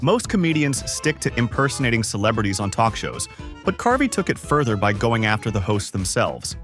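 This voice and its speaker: A man narrates with a lively, swooping pitch and hyped-up energy. Soft music plays under his voice, and he sounds polished and scripted. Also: fairly quick. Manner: upbeat, hyped-up delivery. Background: faint background music.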